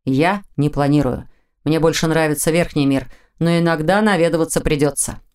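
A woman voicing a male dark mage in dragon form, speaking low, growly and commanding. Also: steady tone, normal speed, clear, resonant tone, lightly acted. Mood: calm commanding. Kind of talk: audiobook character voicing.

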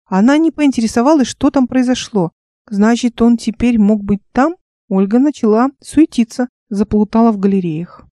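A woman narrating her own fantasy audiobook in a calm, measured reading. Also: fairly high pitch, dry recording, studio quality.

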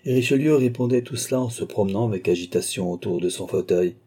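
A man narrating a classic novel as an audiobook, in an even, literary way. His voice is low and dark, with a husky texture. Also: quick pace. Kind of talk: novel reading.

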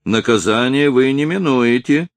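A man's voice: mid-range voice, a little slow, no room sound, pitched above the performer's own voice, close to an everyday voice. A man doing a swaggering young brute. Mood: menacing. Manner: swaggering, threatening. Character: menacing burly young male brute, leader.

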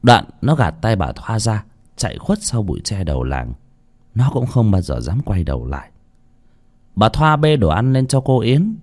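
A man narrating a horror story in a dramatic, expressive way. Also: on the low side.

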